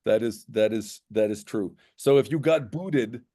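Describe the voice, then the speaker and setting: Gravelly guy hosting a chat show, kinda rambly, keeps restarting sentences. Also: fairly low pitch, unhurried, warm tone, no echo, studio quality. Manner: rambling, stops and restarts phrases. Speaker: podcast host and editor. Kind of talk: casual interview chat. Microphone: remote call.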